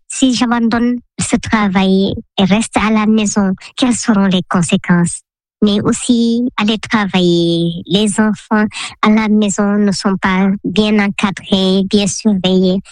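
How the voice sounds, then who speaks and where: A woman calling a radio show to give her testimony in a steady, earnest way, her voice altered by a voice changer. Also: mid-range voice, no echo. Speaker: radio caller. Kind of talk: recorded listener testimony.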